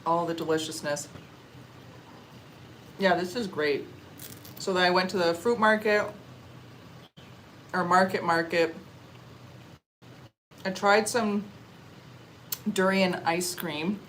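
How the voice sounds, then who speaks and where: Relaxed young Canadian woman livestreaming. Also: lowish voice, slow, long pauses, a little hiss or hum, poor audio. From Canada (Ontario). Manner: relaxed, chatty, eating on stream with murmurs of enjoyment. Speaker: livestream vlogger. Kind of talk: casual livestream chat reading comments. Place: outdoors or open space in a warm country.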